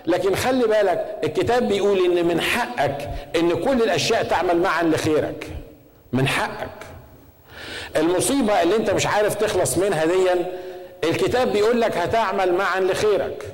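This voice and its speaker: A man's voice: sits high, long reverb tail, low-quality recording. A middle-aged man with an Egyptian accent preaching a sermon as pastor, conversational and often asking the congregation questions. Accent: Egyptian Arabic. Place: church.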